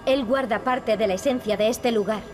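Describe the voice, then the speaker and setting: Speaking with an accent from Spain, an actress voices a determined, earnest young princess with dry wit in a dubbed adventure game. Her fairly high, natural-sounding voice moves at a moderate pace, grave and resolute in mood and manner. Music plays behind her.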